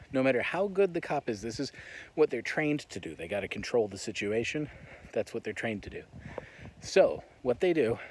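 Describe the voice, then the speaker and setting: A man with an American accent giving an earnest, reflective monologue as he walks and talks. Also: mid-range voice. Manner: earnest, reflective, talking while walking. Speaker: vlogger. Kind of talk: walk-and-talk monologue. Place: on the move while walking.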